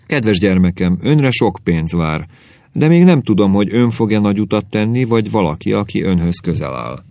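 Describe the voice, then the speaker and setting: Man playing a solemn old fortune-teller lady, sly, deep gravelly voice, dry sound. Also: expressive, warm tone, no room sound. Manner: solemn, dignified.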